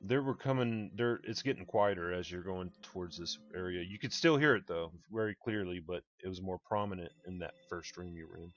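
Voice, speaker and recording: A man's voice: low voice, a little fast, hardly any pauses. A man acting as game master, narrating and refereeing a tabletop game in a casual, conversational way. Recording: muffled lo-fi audio with background music. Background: background music.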